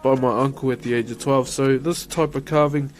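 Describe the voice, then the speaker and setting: Steady in tone and fairly quick, this medium-pitched man has a broad New Zealand accent, and a little hiss or hum sits in the recording. As a live streamer he replies to viewers in a relaxed, matey way peppered with "bro" and "eh".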